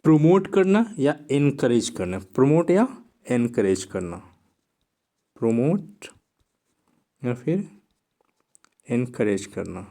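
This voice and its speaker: Slow-paced male Hindi vocabulary teacher. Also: mid-range voice, big pitch swings, dark tone. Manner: slow, repeats words, frequent "है ना" tag questions; writes on a board while explaining. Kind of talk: exam vocabulary lesson.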